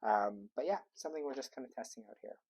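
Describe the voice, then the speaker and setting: A man's voice: mid-range voice, expressive, quick pace, darkish tone, husky, poor audio. A man giving a casual tarot reading into a wearable mic, talking in a loose, rambling way with lots of ums and likes. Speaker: tarot reader.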